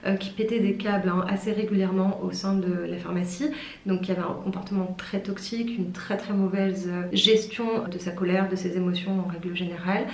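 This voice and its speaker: A woman's voice: mid-range voice, a little mellow. A young woman in her twenties from France, telling a story in a chatty, self-mocking way and acting out the people in it with a raised voice. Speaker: pharmacy student vlogger. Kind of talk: casual storytelling vlog. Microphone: camera mic. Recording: roomy echo.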